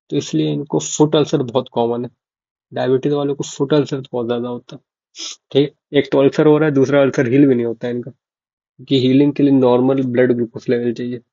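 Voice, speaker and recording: Young guy w tutoring med students, flat mellow voice, keeps asking ok?. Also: medium pitch, dry recording. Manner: casual, asks "ok?" and repeats key terms to check understanding. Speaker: medical tutor. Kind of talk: informal lecture explaining to students. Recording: dull, dry lo-fi mic.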